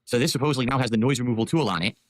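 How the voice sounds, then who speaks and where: Fast-talking man through a fuzzy noise filter. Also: medium pitch. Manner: rapid, explains settings step by step. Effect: noise removal filter making the voice sound fuzzy. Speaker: streamer testing his microphone setup. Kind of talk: casual live-stream chat. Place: home room with a ceiling fan. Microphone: desk mic very close to his mouth.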